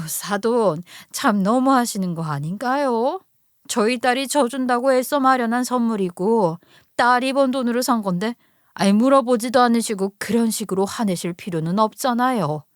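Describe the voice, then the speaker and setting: A woman voicing a kind older mother who speaks softly, slowly and politely in a storybook radio reading. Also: a little high, no room sound, studio quality, close to an everyday voice. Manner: soft, slow, polite. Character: gentle, kindly older mother.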